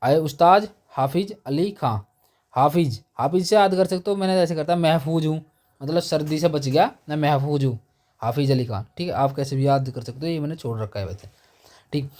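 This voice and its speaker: A man's voice: on the high side, normal speed, a little mellow. A man teaching exam memory tricks, explaining with playful rhymes and acted-out quotes. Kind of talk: exam mnemonic lesson.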